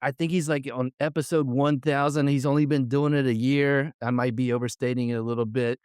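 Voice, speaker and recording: A man hosting a sports podcast, talking excitedly in a rambling, self-interrupting way and laughing often. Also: mid-range voice, fairly quick, smooth, dry recording, clean studio sound. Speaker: podcast host. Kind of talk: excited casual sports talk.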